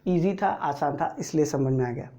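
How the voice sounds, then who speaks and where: A male teacher with an Indian accent, giving a slow board lesson to school students and checking often that they follow. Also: a little high, dark tone. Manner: explains slowly, drawing as he speaks, keeps checking understanding.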